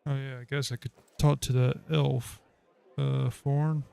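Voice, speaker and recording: A man's voice: mid-range voice, little pitch movement, unhurried, creaky, warm tone, clean tone. A man streaming a game with casual commentary, hesitantly thinking aloud as he plays, close to the microphone. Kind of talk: casual gameplay commentary, reading dialogue choices aloud.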